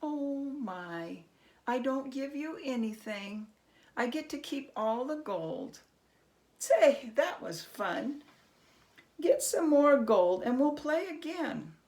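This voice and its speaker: Woman playing a sly, unhurried trickster man, creaky voice. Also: high-pitched, animated, a little mellow, pitched above the performer's own voice, exaggerated voice. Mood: gleeful. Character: sly, unhurried man outwitting a goblin at dreidel. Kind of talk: storybook character voice.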